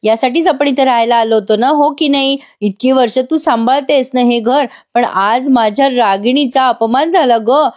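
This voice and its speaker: A woman's voice: high-pitched, normal speed, hardly any pauses, a little mellow, close to an everyday voice. A woman voicing an aggrieved, complaining middle-aged man in a retold TV serial scene, grumbling resentfully.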